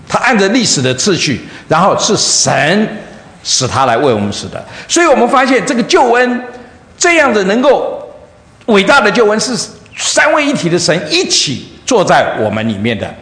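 A man pastor preaching a sermon, telling a story in an animated way that swings from loud highs to soft lows, heard in a church hall. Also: normal speed. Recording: echoey hall, faint room noise.

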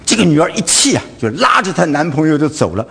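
A man's voice: a little high, big pitch swings, fast, vocal fry, a bit bright, breathy edge. A man with a Wu-delivering a sermon, firing off rhetorical questions tagged with "right?" and stammering over repeated fillers. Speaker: preacher. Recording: long hall reverb.

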